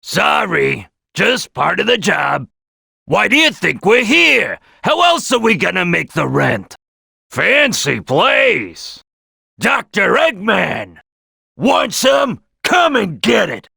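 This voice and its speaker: A brash crocodile detective from a cartoonish video game. The voice is high for a male and swings wildly up and down. It is bossy, cocky and streetwise, with a forceful bark. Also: big pitch swings, slow pace, creaky, breathy edge, no room sound, clean studio sound, exaggerated voice. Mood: sly, businesslike, then rowdy, fired-up. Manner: boisterous, cocky, streetwise, barking. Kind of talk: animated video game character acting.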